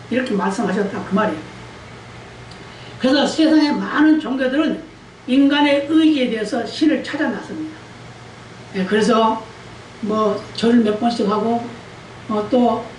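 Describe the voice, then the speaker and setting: A woman's voice: a little high, darkish tone. Woman pastor preaching in an echoey church. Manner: quizzes the congregation and calls for amens. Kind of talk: Sunday sermon. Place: church sanctuary. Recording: echoey church hall, distant mic, faint hiss.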